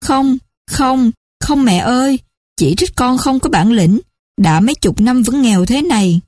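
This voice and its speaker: A woman's voice: on the high side, expressive, measured pace, a little mellow, dry recording, studio quality, voice pushed up. A woman voicing a middle-aged man who pretends to be poor, sly in his thoughts and whining when he pleads. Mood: plaintive.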